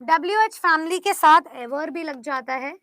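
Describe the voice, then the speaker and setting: A woman's voice: high voice, lively intonation, normal speed, fairly bright tone. A woman teaching English grammar in an online class, explaining step by step and praising students by name.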